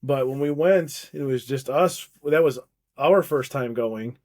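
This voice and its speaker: Slightly slow and darkish in tone, this man's mid-range voice co-hosts a relaxed podcast conversation. He rambles in loose bursts, keeps starting sentences over and is quick to laugh.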